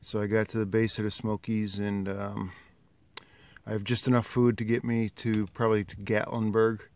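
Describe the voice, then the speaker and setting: This time the hiking vlogger's voice sits on the low side, darkish and level, at a normal pace. The middle-aged man chats casually into a handheld phone at arm's length along a wooded trail and dam, and the outdoor background noise comes through clearly.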